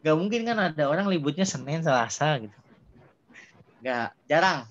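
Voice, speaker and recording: A man teaching an Arabic dialogue lesson in a relaxed, chatty way, often ending phrases with casual fillers. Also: on the high side, normal speed. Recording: muffled lo-fi sound with faint background hiss.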